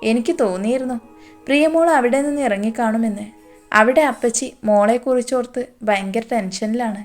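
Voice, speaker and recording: A gentle, protective young man, voiced by a woman storyteller, coaxing and soothing in a soft, caring tone. The voice stays fairly high, with quiet music underneath the story. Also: fairly quick, natural voice.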